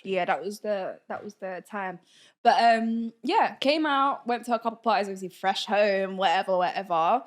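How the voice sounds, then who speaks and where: A woman's voice: medium pitch, normal speed. A woman with a London accent, using urban slang in casual podcast conversation.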